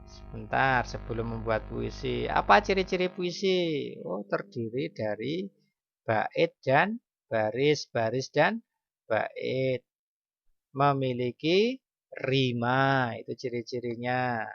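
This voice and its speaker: A man's voice: medium pitch, expressive, slow pace, vocal fry, no room sound, muffled recording. A middle-aged man teaching a primary school class online, chatty and correcting himself as he goes, often asking questions. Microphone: computer mic on video call.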